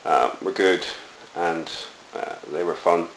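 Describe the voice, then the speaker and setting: A middle-aged man from Belfast, Northern Ireland, gives an oral history interview about his childhood. He talks slowly in a low voice with fairly even intonation, rambling reflectively and filling pauses often. The recording has room echo and a faint hiss.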